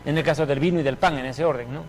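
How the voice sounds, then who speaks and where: A man's voice: fairly high pitch, very fast, slight background noise, poor audio. Emphatic man telling his testimony. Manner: emphatic, animated storyteller. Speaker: guest giving a religious testimony. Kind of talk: personal testimony storytelling.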